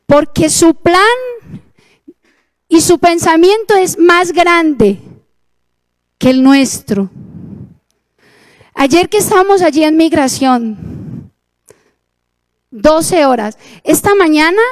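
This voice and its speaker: A woman's voice: very high-pitched, animated, takes it slowly, pauses often. A Colombian woman preaching a sermon, telling a testimony earnestly and acting out the dialogue. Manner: earnest storytelling, acts out dialogue.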